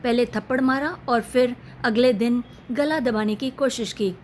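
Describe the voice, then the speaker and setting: A patient but firm young married woman in a family story, read by a woman narrator. She speaks in a measured way with a fairly high voice, turning sharp when pressed. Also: slight background noise, natural voice. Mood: irritated.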